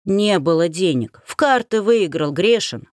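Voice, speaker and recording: A woman's voice: on the low side, animated, a little slow, no room sound, clean studio sound. A woman reading an audiobook, voicing a frightened young nobleman who pleads in panic with a cracking voice. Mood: panicked. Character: frightened young male dandy begging forgiveness.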